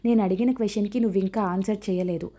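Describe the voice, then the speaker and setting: A stern young male police officer from a spoken storybook romance, read out by a woman narrator. He keeps his lines short and curt, and the voice stays mellow and low-key. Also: steady tone, quick pace, lightly acted. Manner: curt, serious.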